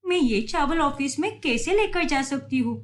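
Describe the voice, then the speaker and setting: Woman doing a nervous young daughter in a cartoon, pleading, apologetic, animated. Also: high-pitched, moderate pace.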